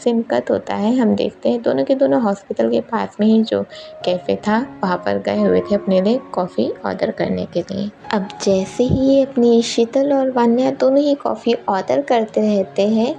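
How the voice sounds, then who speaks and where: Gravelly-voiced woman storyteller. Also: on the high side, moderate pace, mellow, muffled recording, faint music behind. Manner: descriptive, addresses characters as "our". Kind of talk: storytelling narration.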